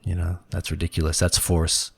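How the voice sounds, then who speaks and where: A man with a low, gravelly voice shares a personal story on a spiritual talk show. He talks in an earnest, reflective way and leans on filler words. The sound is dry and close. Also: monotone, moderate pace, no room sound. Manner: reflective, earnest, many "you know" fillers. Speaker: podcast co-host.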